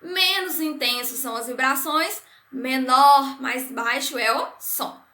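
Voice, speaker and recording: A woman's voice: sits high, takes it slowly, sharp tone, reverberant. A woman teaching a primary school science class in Brazilian Portuguese, explaining patiently and checking in often with "né?" and "certo?". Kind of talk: recorded remote class lesson.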